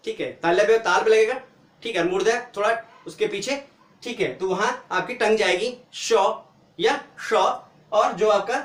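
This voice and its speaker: A man teaching the alphabet, spelling out each letter slowly and answering his own questions as he explains. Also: high voice, roomy sound. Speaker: language teacher. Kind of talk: explaining lesson.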